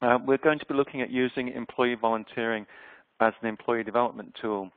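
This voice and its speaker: A Yorkshireman in his fifties, with a Yorkshire accent, presents a webinar conversationally, often saying "um." His medium-pitched voice has fairly even intonation and a fast pace. The webinar mic gives dry, tinny, phone-like audio with no room sound.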